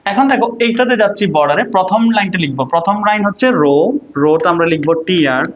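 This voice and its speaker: A man's voice: sits high, animated, quick pace, highs cut off. A male ICT teacher with a Bangladeshi Bengali accent, giving an online lecture and answering his own questions. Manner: asks questions and answers them himself, repeats "ঠিক আছে?".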